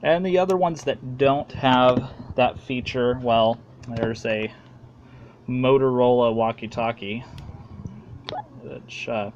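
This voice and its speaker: An American man, a hobbyist making a home video, does a casual show-and-tell, plain-spoken and halting. His voice is mid-range, and the recording has its highs cut off along with a little hiss or hum.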